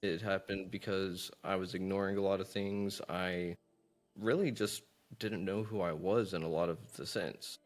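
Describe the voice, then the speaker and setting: A man's voice: sits low, fairly even intonation, moderate pace. A man hosting a podcast interview, talking in a friendly, candid, conversational way. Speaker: podcast host. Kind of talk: casual interview chat.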